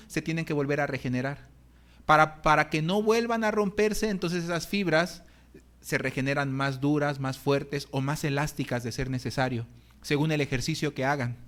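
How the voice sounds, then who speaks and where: Middle-aged man, pastor giving a church sermon; high voice, playful and self-mocking. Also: a bit bright. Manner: humorous, acts out his own groans and complaints. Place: church hall.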